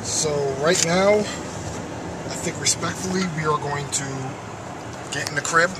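Weary male vlogger, twenties, higher-pitched voice, rambling, recorded off-mic inside a car. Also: unhurried. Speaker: video creator, vlogger. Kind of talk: casual vlog chat. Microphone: camera in the car, off from the mouth. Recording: noisy car interior, distant mic.

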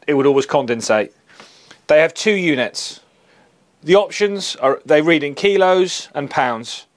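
A man, reviewing trade tools in a practical, plain-spoken way, on a lapel mic in an office. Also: on the high side. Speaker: HVAC engineer reviewing tools. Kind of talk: product review presentation.

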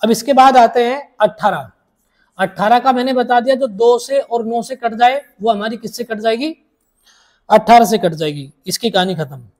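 Male maths teacher, patient and repetitive, slows down to spell out each step for the class. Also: very high-pitched, darkish tone. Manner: repeats each step slowly, addresses students as dear children. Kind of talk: blackboard maths lesson.

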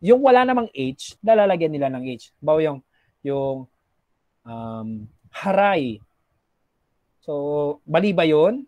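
A man's voice: a little high, dry recording, highs cut off. A man teaching a recorded lesson, explaining step by step and now and then putting on regional voices to show how people talk. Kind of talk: recorded classroom lecture.

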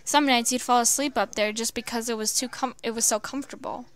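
A woman's voice: fairly high pitch, fairly even intonation. Woman reading fan fiction, often stumbling. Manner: halting, with many stumbles and restarts. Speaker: storyteller.

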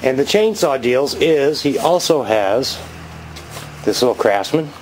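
A man in his fifties giving a rambling, chatty show-and-tell vlog outdoors by his garage, filming on a handheld camera and getting excited over his finds. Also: mid-range voice, measured pace, a little hiss or hum, low-quality recording. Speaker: vlogger.

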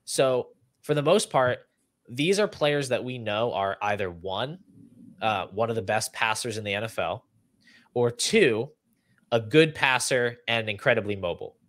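A young adult man, the host of a fantasy football podcast, talks a little slowly in a medium-pitched, fairly bright voice. He chats conversationally while analytically explaining figures and listing items. Though captured on a video call setup in a small room at home, the sound has studio quality and no echo.

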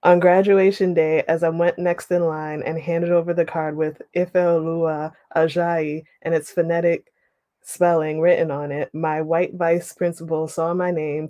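Over a video call picked up by her webcam, a young woman with a low-pitched voice leads an online writing workshop. She reads a passage aloud, then explains it with easygoing pauses, and there's no echo.

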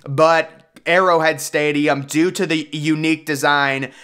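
A man's voice: on the high side, steady tone, unhurried, fairly bright tone, clean tone. A young man giving casual, opinionated commentary in a voice-over, enthusiastic and conversational. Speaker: YouTube sports commentator.

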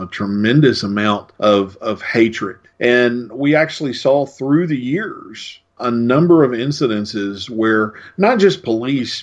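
A man speaking as an author and guest in an interview, explaining his points in a measured way with frequent restarts. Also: on the low side. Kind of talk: conversational interview. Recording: dull lo-fi recording.

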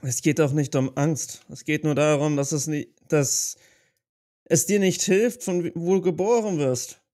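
Male player in character, higher-pitched, reflective, hesitant delivery. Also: a little slow, warm tone. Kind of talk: in-character tabletop role-play.

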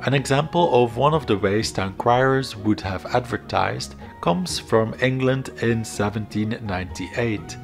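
A man giving a scripted educational history narration in a measured, explanatory manner. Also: medium pitch, gravelly. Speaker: video narrator. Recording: background music under voice. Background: instrumental music.

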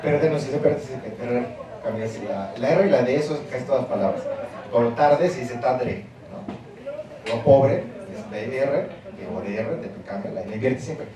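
A man's voice: mid-range voice, moderate pace, crowd noise. A man giving a university lecture, explaining emphatically and checking in with the audience as he goes. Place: lecture hall. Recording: very echoey hall, mic far off, audience noise.

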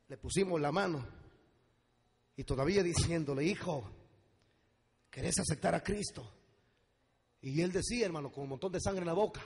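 Husky preacher guy, fired up sermon, quiet stories then yelling, big echoey church. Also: a little high. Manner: fervent, swings from quiet storytelling to shouted exhortation. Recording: long church hall reverb.

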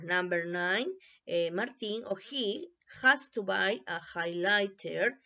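A woman teacher giving a recorded review lesson, explaining in Spanish and repeating English phrases slowly for pronunciation. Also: medium pitch, sharp tone. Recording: dull lo-fi recording.

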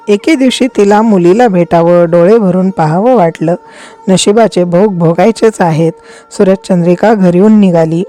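A woman narrating a devotional folk story at a measured, steady pace, with soft music behind. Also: fairly low pitch.

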